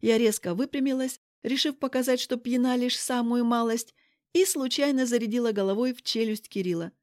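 Woman narrating an audiobook, expressive. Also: fairly high pitch, fairly quick, dry recording, studio quality. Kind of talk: first-person audiobook narration.

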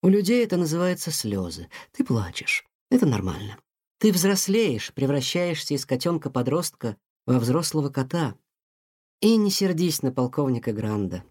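A man voicing a wise, gentle mother cat who speaks softly and soothingly. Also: a little high, very animated, normal speed, dry recording, studio quality. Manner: soft, soothing and tender. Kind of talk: audiobook character voice.

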